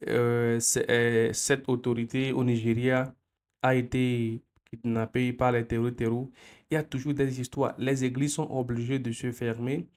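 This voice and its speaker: A man's voice: medium pitch, darkish tone. A man from Benin, giving an impassioned political commentary full of repeated phrases and rhetorical questions. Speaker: video commentator.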